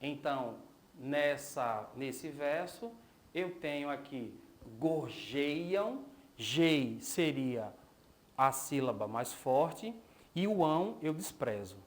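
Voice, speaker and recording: Slow, lively-pitched male teacher. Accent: Brazilian Portuguese. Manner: slow, explanatory, asks rhetorical questions. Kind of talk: televised school lesson.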